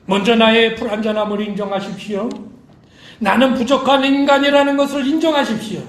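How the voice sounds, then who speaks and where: A man's voice: very high voice, steady tone, brisk, reverberant. A male pastor preaching a sermon with emphatic delivery, acting out quoted lines. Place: church sanctuary.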